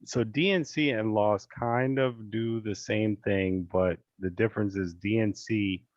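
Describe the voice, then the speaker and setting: A man coaching on a casual screen-share call, chatty and relaxed, with many fillers and restarts. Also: fairly low pitch, measured pace, no echo, highs cut off. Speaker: real estate investing coach. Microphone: video call.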